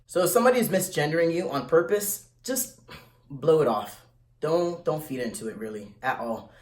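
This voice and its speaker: A man talking casually to viewers in a vlog, animated and blunt, full of slang and quick restarts. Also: on the high side. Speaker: vlogger. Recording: echoey room.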